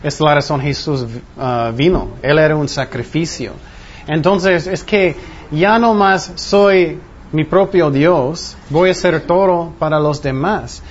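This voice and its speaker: A man's voice: fairly high pitch, slow pace. A man leading an interactive Bible study, teaching in a teacherly way and putting questions to his group. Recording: muffled room recording with faint noise.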